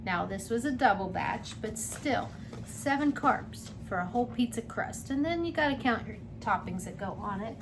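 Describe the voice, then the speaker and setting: A woman's voice: a little high, animated, normal speed. A woman chatting casually to her viewers while cooking in a home kitchen. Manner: chatty, friendly, addresses viewers as guys. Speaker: cooking vlogger. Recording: noisy home recording.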